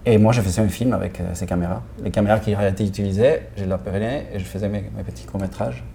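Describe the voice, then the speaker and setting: Gravelly Argentine man, mellow and low. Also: steady tone, fast, slight background noise. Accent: Argentine Spanish. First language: Spanish. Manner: hesitant, many restarts, laughs often. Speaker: film director. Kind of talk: casual interview answers.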